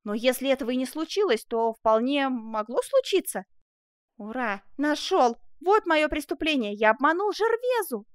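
A woman voicing an excitable young man who exclaims in agitation, in a storybook reading. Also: fairly high pitch, normal speed, clean tone, no echo, studio quality. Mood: agitated.

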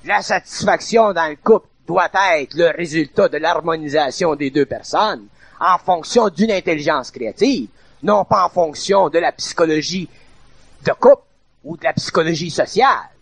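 A middle-aged man with a Quebec French accent lectures informally, circling back to his points with emphatic repetition. His voice sits high and carries a gravelly edge. The recording is dry and close, with no room sound. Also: moderate pace, a bit bright, dry recording.

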